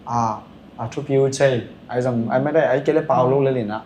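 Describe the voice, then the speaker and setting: A man's voice: medium pitch, fairly even intonation, quick pace, darkish tone. A man chatting casually as a podcast guest, telling rambling stories with lots of filler sounds. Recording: echoey room with faint ambient noise.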